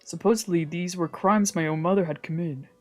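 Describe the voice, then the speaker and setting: Music runs behind a streamer who narrates a visual novel dramatically, speaking fairly quickly in a mid-range voice. The reading is broken up by casual asides and the odd stumble.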